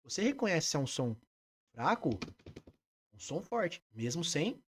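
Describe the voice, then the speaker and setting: Animated Brazilian man who sings examples. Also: on the high side, measured pace, a little hiss or hum. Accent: Brazilian Portuguese. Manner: animated, demonstrates by singing snippets. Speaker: music therapist guest. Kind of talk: explanatory interview talk.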